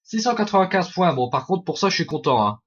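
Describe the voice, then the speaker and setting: A man giving excitable, profanity-laden commentary while playing an online game, often shouting at opponents. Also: sits high, brisk, lo-fi sound. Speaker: gaming video host. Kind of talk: Let's Play commentary.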